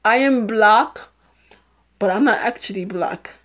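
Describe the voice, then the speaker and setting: Here the Haitian host, a middle-aged woman whose accent sounds British, talks a little slowly with a medium pitch and a fairly bright tone. Her casual solo podcast wanders, full of repetition and frequent laughter.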